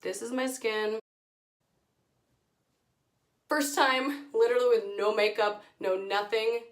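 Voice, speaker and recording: A hoarse woman with her voice nearly gone, giving a chatty, informal product review as a beauty vlogger. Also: fairly high pitch, fairly even intonation, slow. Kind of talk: casual product review to camera. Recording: echoey room.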